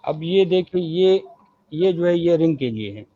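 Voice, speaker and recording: A man's voice: a little high, lively intonation, unhurried, warm tone, muffled recording. A man with a Pakistani Urdu accent, a gemstone dealer explaining stones in casual chat, hesitant, with many fillers and restarts, on a live video call.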